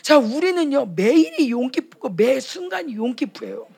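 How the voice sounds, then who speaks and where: High, husky woman preaching passionately. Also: sing-song, normal speed, darkish tone. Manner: impassioned, acts out quoted dialogues. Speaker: speaker at a retreat for pastors' wives. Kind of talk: sermon.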